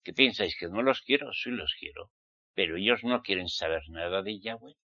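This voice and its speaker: His voice sitting low and his speed normal, a Spanish-accented preacher from the Basque Country comes through a muffled recording without echo. He addresses listeners in a fiery sermon, admonishing them emphatically and asking rhetorical questions.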